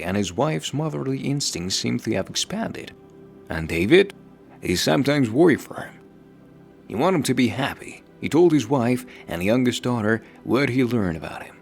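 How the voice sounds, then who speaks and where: A man reading a scripted story aloud as narrator, in a steady, measured storytelling delivery. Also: medium pitch, gravelly.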